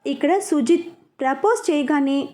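A woman narrating a serialized audio story in a high voice. She reads expressively and moves the scenes along. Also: normal speed. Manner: expressive, lively reading of all parts.

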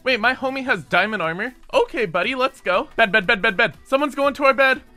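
High, bright-voiced excitable gamer man. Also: a little fast, faint music behind. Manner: excitable, yelling and laughing at the game. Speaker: gaming YouTuber. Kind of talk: gameplay commentary.

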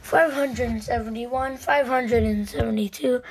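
Woman counting out loud super slow on her vlog, slightly high voice, desk mic. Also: poor audio. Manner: slow, steady number counting with chatty asides. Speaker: channel host. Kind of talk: casual counting challenge vlog. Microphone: desk microphone.

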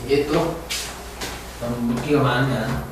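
A man's voice: medium pitch, steady tone, unhurried, distant mic, noisy background. A man teaching an English lesson, drilling words aloud and stressing the right way to say them. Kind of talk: classroom lecture. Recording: echoey room picked up from afar.

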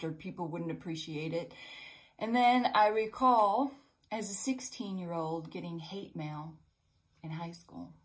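Rambling heartfelt woman, soft murmurs. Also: mid-range voice, rough recording. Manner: rambling, heartfelt, many fillers and restarts, drops to soft murmurs. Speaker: numerology and intuitive guidance reader. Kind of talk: casual spiritual pep talk.

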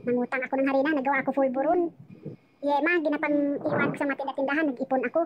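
A woman's voice: sits high, fairly even intonation, racing, lo-fi sound, noisy background. A woman casually telling her life story on a live chat, rambling and emotional, often restarting her sentences.

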